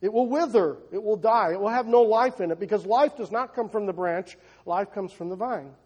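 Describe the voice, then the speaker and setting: A man's voice: sits high, brisk, a little mellow, slightly rough, muffled recording. A man preaching a sermon to his congregation, emphatic, asking rhetorical questions and often repeating words as he goes. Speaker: pastor.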